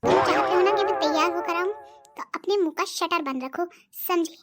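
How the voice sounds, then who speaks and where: A voice artist playing a bossy, sharp-tongued middle-aged cartoon wife who nags and threatens. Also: very high voice, moderate pace, soft background music. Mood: scolding. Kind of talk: cartoon voice acting.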